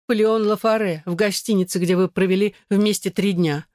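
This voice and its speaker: Anxious, devoted young woman, higher and hesitant, as a reader puts her on. She speaks with a quiet worry. It is a close, dry audiobook recording. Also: steady tone, moderate pace, no room sound, natural voice.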